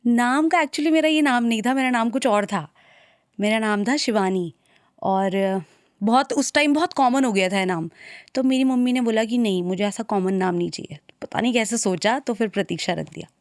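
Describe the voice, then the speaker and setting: A young woman from Uttarakhand, a singer, talking softly and a little hesitantly as an interview guest. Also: on the high side, moderate pace, no echo, clean studio sound. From Uttarakhand, India. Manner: soft-spoken, shy, hesitant. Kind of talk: casual interview conversation.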